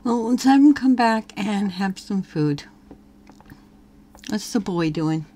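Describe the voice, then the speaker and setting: Unhurried woman chatting through a game. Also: medium pitch, expressive, warm tone. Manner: chatty, talks to her game characters. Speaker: let's play host. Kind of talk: casual gameplay commentary.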